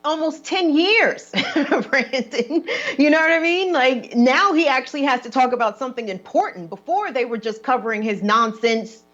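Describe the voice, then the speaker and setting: A woman host talking politics in a blunt, animated way, swearing as she goes. Her voice sits a little high, and the audio is slightly dull and lo-fi. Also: normal speed. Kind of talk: casual political discussion.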